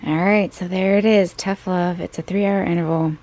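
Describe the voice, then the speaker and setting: A woman's voice: lowish voice, steady tone, moderate pace, noisy background. A woman talking casually to the camera in a vlog about her training, chatty and full of filler words. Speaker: vlogger training for a triathlon.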